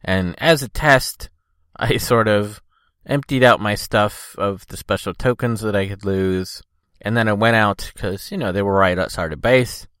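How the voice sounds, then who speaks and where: A man's voice: on the low side, a little slow, a bit bright, clean tone, no echo, clean studio sound. Man with a cold, slightly thick-tongued, rambling casually. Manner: informal, loosely hedged rambling. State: congested with a cold. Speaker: podcast host. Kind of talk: casual rambling solo gaming podcast.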